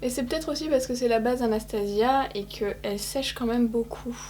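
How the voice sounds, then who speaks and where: A woman's voice: on the high side, moderate pace, a little mellow, faint music behind. A young woman talking viewers through her eye makeup in a casual, chatty way, poking fun at herself. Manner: chatty, self-mocking, addresses viewers directly. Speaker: beauty vlogger. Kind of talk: casual makeup tutorial talk.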